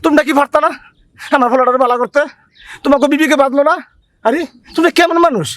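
Guy playing a heartbroken old dad, pleading and high voice. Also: fast, fairly bright tone, no room sound. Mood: reproachful. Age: older. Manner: pleading, reproachful. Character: grieving elderly father scolding his son's friends. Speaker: actor. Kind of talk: television drama acting.

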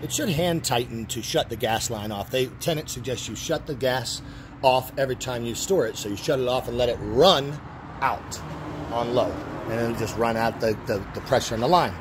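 A middle-aged man rambles through a casual walkthrough, often restarting his sentences. He is recorded outdoors on a camera mic, with clear background noise under his voice. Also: mid-range voice, normal speed. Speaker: seller showing a machine.

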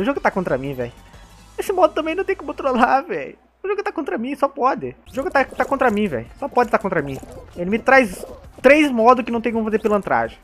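A man with a Brazilian accent narrates his gameplay in an excitable, chatty way. He laughs often and calls out to the other players. His pitch swings widely, and faint music plays behind him. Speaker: gamer. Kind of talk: gameplay commentary.

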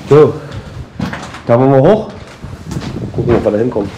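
A man's voice: medium pitch, lively intonation, moderate pace, lo-fi sound. A man chatting casually and slangily while exploring an empty building, addressing his viewers as a vlogger. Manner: colloquial, slangy. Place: inside an empty concrete apartment block. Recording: echoey empty rooms, clear handling noise.

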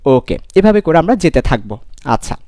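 A young man gives a live online chemistry lecture, animated, playful and given to repeating his points. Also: fairly high pitch, a little fast, no echo, studio quality. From Bangladesh. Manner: animated, repetitive, playful teasing. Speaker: chemistry teacher.

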